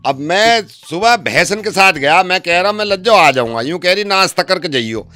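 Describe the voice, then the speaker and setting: A man playing a rustic villager on a prank call, rambling on excitedly about his wife. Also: sits high, normal speed, no room sound. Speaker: prank caller.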